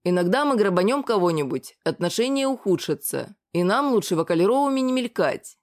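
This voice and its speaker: A woman's voice: mid-range voice, lively intonation, brisk, a little mellow, lightly acted. Laid-back sailor, indifferent drawl, put on by a female reader. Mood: lazy explaining. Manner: lazy, indifferent. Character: laid-back male sailor, bookish and unhurried.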